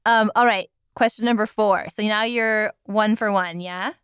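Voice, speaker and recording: A woman's voice: medium pitch, fairly even intonation, normal speed, clear, resonant tone, dry recording, clean studio sound. A woman hosting a quiz game, reading reviews aloud with relish and frequent giggles. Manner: bright, giggly, reads with relish.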